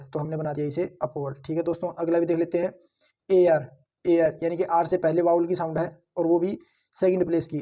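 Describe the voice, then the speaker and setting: A man's voice: fairly high pitch, warm tone. A man teaching shorthand, explaining each point patiently and repeating it, often addressing the viewers as friends. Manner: patient, repetitive, keeps calling viewers "friends". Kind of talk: classroom-style tutorial explanation.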